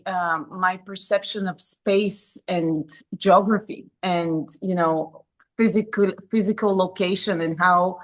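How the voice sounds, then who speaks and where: A woman from Bulgaria talks as an interview guest, pitched in the middle of the range. She hesitates often and fills pauses with ums as she restarts her sentences. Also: low-quality recording. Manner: hesitant, many fillers and restarts. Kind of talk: casual interview talk.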